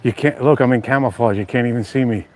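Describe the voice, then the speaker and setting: An outdoor channel host with a New York accent chats on a live stream from a beach house, talking straight to his viewers. He speaks fast at medium pitch, joking easily in a relaxed, unscripted way. The phone recording picks up faint noise behind him.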